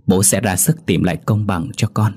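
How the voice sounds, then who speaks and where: A man voicing a kind, grieving older father-in-law in a ghost story, talking softly and soothingly. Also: low-pitched, moderate pace, slightly rough. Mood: pleading. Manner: soft, pleading, soothing.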